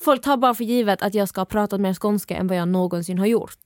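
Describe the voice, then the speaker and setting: Young woman, mild Scanian accent, podcast co-host, animated chatty talk, dry close sound. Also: mid-range voice, dry recording. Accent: mild Scanian Swedish. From southern Sweden. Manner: animated, talks in quick bursts with quoted asides. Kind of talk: casual chat.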